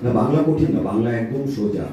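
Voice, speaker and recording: Fast-talking man in a very echoey hall. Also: mid-range voice, lively intonation, crowd noise. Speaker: puppeteer, straight man. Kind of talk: comic stage dialogue with a puppet. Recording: very echoey hall, distant mic, audience.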